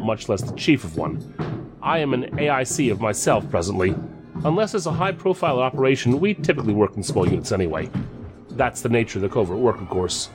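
A male actor with a natural, mid-range voice portrays a self-assured, guarded counterterrorism agent in an audio drama. His delivery is formal and deliberate, marked by dramatic pauses.

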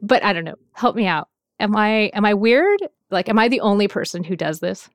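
A woman's voice: medium pitch, animated, brisk, no room sound. A woman from Oregon, a listener guest, talking in a chatty, giggly way with many fillers. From Portland, Oregon. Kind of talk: casual interview.

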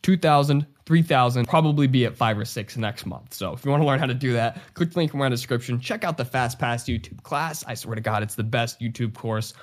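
A man's voice: mid-range voice, brisk, few pauses. A young man with a stuffy, congested nose talks straight to viewers as an online host, giving casual, emphatic advice. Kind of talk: direct-to-camera advice talk.

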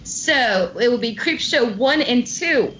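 A woman hosts a casual film discussion podcast in a chatty, relaxed way. She swears freely and laughs easily as she talks. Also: on the high side, slow pace, over a noisy crowd. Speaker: podcast host.

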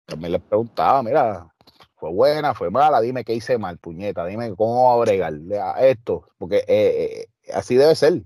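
His voice sits on the low side, expressive and warm, moving at normal speed in a dry recording. The speaker, a Puerto Rican wrestler and trainer, tells casual interview stories with a Puerto Rican Spanish accent, emphatic and streetwise and heavy on fillers.

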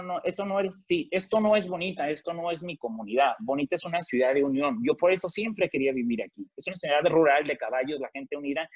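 A man with a Mexican Spanish accent telling an animated, emphatic story as an interview guest over a video call, mixing in English phrases. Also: fairly high pitch, slightly rough. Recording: muffled video-call audio.

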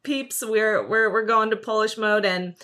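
A woman from New Jersey hosting a podcast interview. She talks in an upbeat, chatty way, with fillers like "um" and "like". Her voice is bright and clear, in a middle pitch. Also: steady tone, unhurried. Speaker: podcast host. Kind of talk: casual interview chat.

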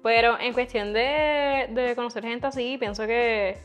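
A woman's voice: fairly high pitch, measured pace, soft background music. A woman with a Puerto Rican accent co-hosting a podcast in casual chat, upbeat and chatty, slipping in English words. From Puerto Rico. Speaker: podcast co-host.

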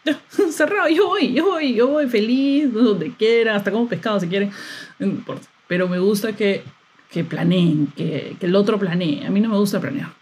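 A woman's voice: mid-range voice, moderate pace, a little mellow, slightly rough. A young woman, hosting a podcast as a casual, exasperated monologue with frequent laughter. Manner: chatty, exasperated, laughs often. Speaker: podcast host.

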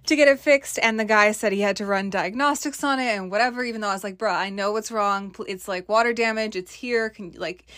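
A woman hosting a podcast, telling a blunt, profane, rambling story in a casual rant, recorded on her phone in a small closet, giving low-quality audio. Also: fairly bright tone, no room sound, clean studio sound. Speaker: podcast host. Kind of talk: casual ranting monologue.

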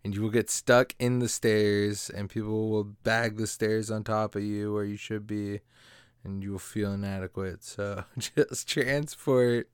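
A man's voice: on the low side, steady tone, unhurried, clean tone, no echo, studio quality. A man co-hosting a gaming podcast, chatting casually and upbeat, often laughing as he talks. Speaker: podcast co-host.

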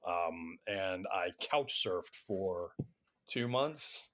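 A man's voice: low-pitched, expressive, very slow, fairly bright tone. Wry middle-aged American man telling stories. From United States, Atlanta area. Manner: wry, self-deprecating. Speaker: podcast guest, actor. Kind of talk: casual anecdotal interview chat.

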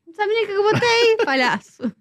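A woman co-hosting a podcast, animated and quick to joke during a movie-quote guessing game. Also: extremely high pitch, dry recording, studio quality.

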